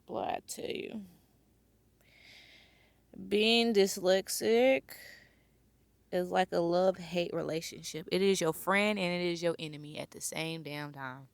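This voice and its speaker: A young woman hosting her own podcast, talking slowly and reflectively in a personal, heartfelt monologue and pausing to search for words. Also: fairly low pitch, vocal fry, no echo. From born near Chicago, raised near Atlanta. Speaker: podcast host.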